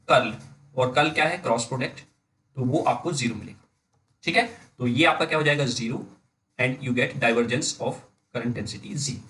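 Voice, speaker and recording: An Indian-accented male lecturer explains a technical derivation at a slow, deliberate pace. His voice sits at an ordinary middle pitch, and he spells out phrases word by word while repeatedly checking that students follow. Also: a bit bright, rough recording. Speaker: engineering lecturer. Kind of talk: blackboard-style lecture in mixed Hindi and English.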